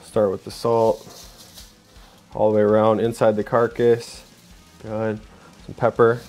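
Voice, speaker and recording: His voice is monotone, a little slow and a little mellow, with soft background music playing. He's a young man hosting a casual cooking demo in a home kitchen, upbeat and chatty, talking through each step and saying "boom" as he works.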